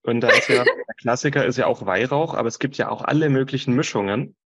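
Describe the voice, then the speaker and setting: A man's voice: medium pitch, quick pace, fairly bright tone, highs cut off. A man born in Franconia to an East German family, interviewing in casual conversation and chatting with personal anecdotes.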